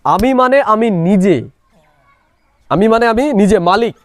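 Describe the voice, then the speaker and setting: A man with a Bengali accent teaching meditation to a live audience, his voice sitting high for a man. He explains patiently with everyday examples and keeps checking whether his listeners follow. The sound is close and dry, with no room echo. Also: lively intonation, measured pace. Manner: asks the audience rhetorical questions again and again. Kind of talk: spiritual lesson to a live audience.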